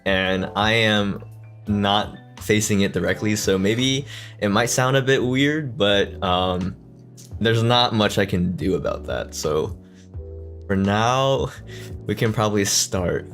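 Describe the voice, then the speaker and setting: A man hosting a casual chat stream, easygoing and quick to laugh, often restarting his words. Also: lowish voice, fairly bright tone, soft background music. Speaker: streamer host. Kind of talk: casual chat reading fan questions. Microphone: desk mic.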